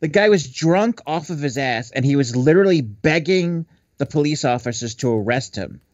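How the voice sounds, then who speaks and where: Man, podcast guest, laid-back rambling chat, lively pitch, dry lo-fi call audio. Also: normal speed, no room sound. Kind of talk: casual chat.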